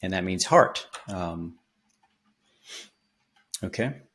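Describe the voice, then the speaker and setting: A man explaining song lyrics in a casual spoken language lesson, relaxed and rambling with many ums and restarts. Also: low voice, drawn-out words. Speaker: language teacher.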